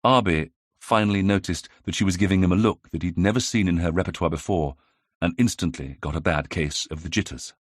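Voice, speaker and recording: A man narrating a mystery audiobook in a measured storytelling manner. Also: low voice, dry recording, studio quality. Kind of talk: scripted narration.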